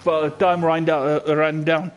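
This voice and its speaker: South African man, higher-pitched, Afrikaans accent. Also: flat delivery, a little slow. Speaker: esports race commentator. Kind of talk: casual live stream commentary.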